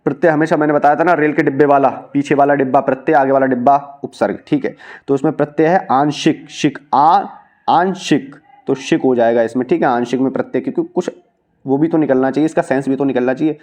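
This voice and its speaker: A man's voice: mid-range voice, brisk, darkish tone. A young man teaching an exam-prep lesson, working through practice questions, repeating each point and checking in with the students.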